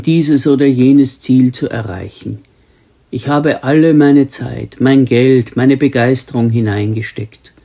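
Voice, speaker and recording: A man delivers a measured sermon at a slow, deliberate pace. His voice is dark and mellow with a slightly husky grain. He leans on single words to drive his point home. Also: mid-range voice. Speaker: preacher. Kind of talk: sermon with scripture reading.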